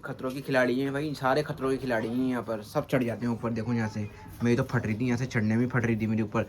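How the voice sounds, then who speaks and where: A man's voice: medium pitch, fairly even intonation, quick pace. A man talking casually to his phone camera as a vlogger and father, chatty and always pointing things out to his viewers. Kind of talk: casual vlog narration to camera. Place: outdoors, rooftop and street market. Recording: street noise with passing vehicles.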